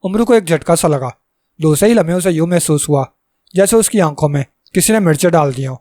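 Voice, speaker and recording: Man, storyteller, storybook narration, steady dramatic reading, fairly high voice, dry close sound. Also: dry recording.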